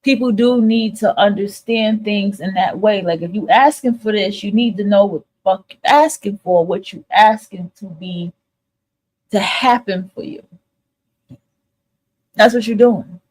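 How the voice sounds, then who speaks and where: A woman hosting a spiritual advice livestream talks a little slowly in a medium-pitched, darkish voice, and the audio quality is poor. She addresses listeners candidly and casually, repeating herself emphatically in a motivational rant full of swearing.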